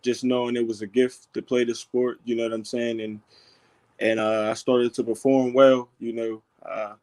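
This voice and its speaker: A young man from Pittsburgh, a football player as guest, talking in a relaxed way full of fillers. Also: medium pitch, moderate pace. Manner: relaxed, filler-heavy, lots of "you know". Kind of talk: casual interview.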